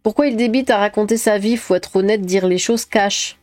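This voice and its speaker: A woman's voice: medium pitch, moderate pace, darkish tone, no echo. A woman streaming live, giving blunt, opinionated reaction commentary with rambling asides while reading chat aloud, on a close desk mic.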